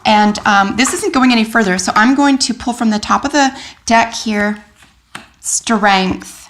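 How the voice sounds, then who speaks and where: A woman giving a general tarot reading to her viewers, animated and enthusiastic, with many fillers and restarts. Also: fairly high pitch, measured pace. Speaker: tarot reader.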